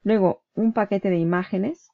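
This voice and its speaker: Chatty and prone to correcting herself mid-word, an online business vlogger casually guides her viewer through her computer screen, often asking "¿vale?" Her mid-range voice has vocal fry, fairly even intonation, and a measured pace. The audio is narrow and tinny, with no echo.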